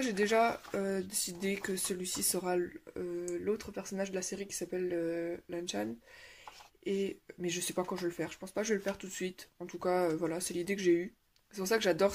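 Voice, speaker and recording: Chatty young woman with filler-heavy speech. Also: lowish voice. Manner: chatty, many fillers and restarts. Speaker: coloring vlogger. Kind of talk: casual show-and-tell chat. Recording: faint background noise and clicks.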